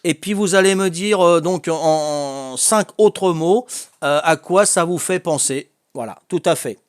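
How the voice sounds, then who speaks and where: In a casual family quiz, a chatty host with a Corsican French accent laughs often while going over everyone's answers at an unhurried pace. His voice is a little high for a man, and the recording is dry and close with almost no room echo.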